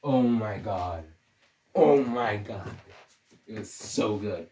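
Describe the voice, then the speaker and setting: Speaking slowly in a mellow, expressive, fairly low voice, a young video essayist rambles through joking commentary despite a sore throat. His thoughts are scattered and he often cuts himself off. The mic is distant, and the room sounds spacious.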